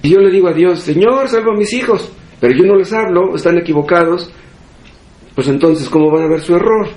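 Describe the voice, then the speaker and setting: A man's voice: on the high side, brisk, a little mellow, roomy sound. A man with a Mexican Spanish accent preaching a sermon as pastor, asking rhetorical questions and repeating phrases for emphasis. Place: church hall.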